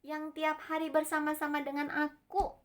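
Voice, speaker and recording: A woman voicing a calm, hushing Jesus. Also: sits high, moderate pace, pitched above the performer's own voice, close to an everyday voice. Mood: gentle reproach. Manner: soothing, hushing, gently reproachful. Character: calm, loving adult male Jesus hushing a storm.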